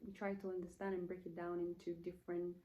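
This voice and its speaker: A woman's voice: on the low side, monotone, fast talker, mellow, lo-fi sound. A woman in her late twenties from Zambia, chatting casually on her vlog in a rambling, self-correcting way with many fillers, while saying she feels hot in the room. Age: late 20s. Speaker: vlogger. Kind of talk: casual get-to-know-me vlog. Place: indoor room.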